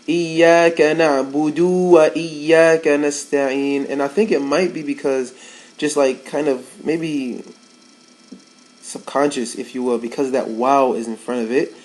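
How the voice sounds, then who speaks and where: A man's voice: mid-range voice, vocal fry, low-quality recording. A man in a mid-range voice teaches Quran recitation in a loose, chatty way. He circles back and repeats words to press home each mistake. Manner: relaxed, repeats words for emphasis. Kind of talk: casual tajweed lesson.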